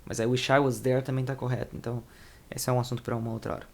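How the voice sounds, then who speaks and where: A man's voice: mid-range voice, little pitch movement, racing, creaky. A young Brazilian man with a Brazilian Portuguese accent, teaching an English lesson in a rambling, informal way and correcting himself as he goes. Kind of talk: casual explanatory lesson.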